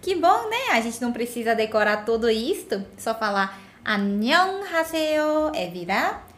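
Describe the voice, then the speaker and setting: A woman's voice: a little high, very animated, moderate pace, fairly bright tone. A woman giving a casual language lesson as a Korean teacher, patiently repeating words for the learner to echo.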